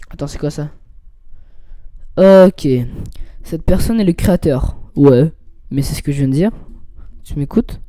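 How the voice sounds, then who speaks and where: A man's voice: on the high side, mellow, dry recording. A young man giving casual, rambling commentary while playing a video game, reading game text aloud. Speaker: gaming youtuber.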